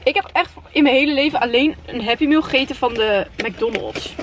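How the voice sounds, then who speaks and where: A woman in her twenties with a Netherlands Dutch accent, chatting casually and excitably to camera with English slang mixed in. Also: high voice, brisk. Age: 20s. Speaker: vlogger. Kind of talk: casual vlog chat. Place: inside a parked car at night. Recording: faint background noise in car.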